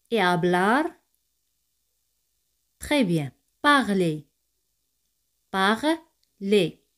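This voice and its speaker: A woman language teacher who talks at a very slow, deliberate pace. She says each example clearly and repeats it so learners can follow. Her pitch sits in the middle range for a woman. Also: darkish tone. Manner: repeats each phrase slowly, patient and clear. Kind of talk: slow-paced language lesson.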